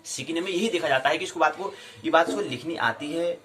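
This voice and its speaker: A man teaching a Sanskrit grammar lesson, explaining and drilling sounds slowly and repeating them for practice. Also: fairly high pitch, crowd noise. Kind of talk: classroom lecture.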